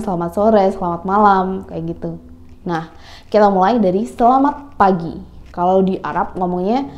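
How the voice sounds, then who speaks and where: A woman's voice: mid-range voice, warm tone. A woman teaching Arabic greetings in a casual video lesson, chatty and full of little fillers. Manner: chatty, explains with many "nah" and "kayak gitu" fillers.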